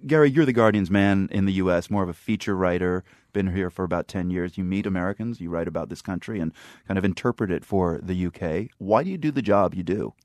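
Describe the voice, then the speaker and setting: A man hosting a radio interview, asking conversational, curious questions with some halting starts. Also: sits low, darkish tone, no room sound, studio quality.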